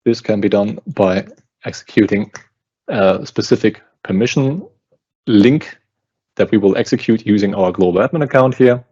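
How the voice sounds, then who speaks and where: A man with a German accent, a customer success engineer, explaining a software installation step by step on a webinar call. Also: on the low side, moderate pace, slightly rough, highs cut off. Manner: explains step by step while working. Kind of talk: live technical walkthrough. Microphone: video call.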